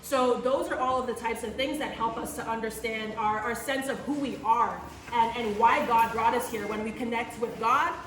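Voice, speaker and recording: This earnest church talk in the Caribbean comes from a Barbadian woman in her thirties who restarts phrases and asks her audience questions. She speaks at a moderate pace in a fairly high voice with hardly any pauses, captured from a distance in an echoey room with faint noise.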